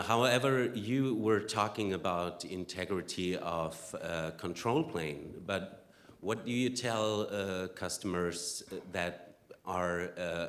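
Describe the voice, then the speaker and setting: A man, a security researcher, politely asking a question from the audience in a large conference hall, with many hesitations. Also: low-pitched.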